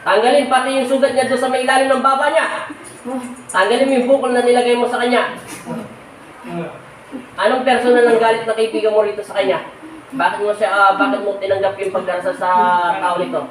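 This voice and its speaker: Folk healer woman, commanding and insistent, quick talker, distant mic with faint noise. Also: fairly high pitch, flat delivery. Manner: commanding, repeats questions insistently. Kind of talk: healing prayer session. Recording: echoey room, far from mic, faint noise.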